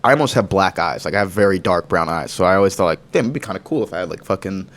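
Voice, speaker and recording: A man's voice: deep voice, animated, rapid-fire. A young man co-hosting a podcast in laid-back casual chat, swearing freely and laughing often. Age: young adult. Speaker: podcast co-host.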